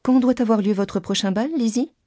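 A petulant young girl, as a woman narrator plays her in an audiobook, sulky and high-pitched. Her voice is husky and mellow, recorded dry and close. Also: normal speed, no echo, natural voice.

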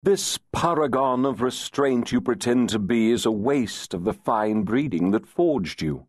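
A purring, mocking male fairy lord, voiced by a man reading an audiobook. He teases and taunts in a raised, lively voice that swoops with disdain. The sound is close and dry. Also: mid-range voice, unhurried, dry recording, pitched above the performer's own voice. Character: insolent, teasing male fairy nobleman. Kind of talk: audiobook character voice.

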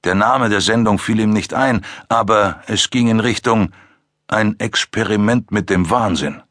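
A male narrator reading a thriller audiobook in a measured, suspenseful way, recorded close in a studio. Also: lowish voice, fairly bright tone, no room sound.

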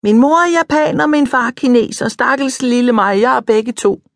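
Audiobook: woman voicing cheeky young girl, high and brash, sing-song teasing, dry close sound. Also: very animated, a little mellow, dry recording. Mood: mocking sing-song.

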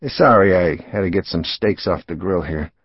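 Man doing a fretful mob captain, low husky voice, gravelly, dull lo-fi audiobook sound. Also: normal speed, no room sound. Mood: wary. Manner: nervous, self-deprecating. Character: worried middle-aged male mob captain.

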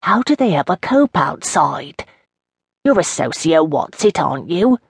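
A woman's voice: sits low, very animated, unhurried, slightly rough, no echo, studio quality, exaggerated voice. A woman reading an audiobook as a chatty woman in her seventies with an East End London accent, homely and rambling. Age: 70s. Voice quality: homely, rambling, dialect grammar. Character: frail chatty old East End woman, long institutionalised. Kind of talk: audiobook narration in character.

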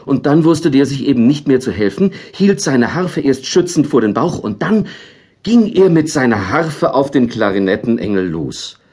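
Storyteller man reading to kids, husky low voice, lots of melody. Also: normal speed. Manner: lively, expressive storytelling. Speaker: audiobook narrator.

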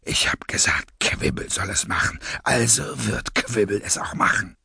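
A man voicing a cold masked male villain leader, speaking low and hushed, often close to a whisper, in an audiobook. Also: animated, moderate pace, gravelly, slightly rough, no room sound, full character voice. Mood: coldly menacing. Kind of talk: audiobook character voice.

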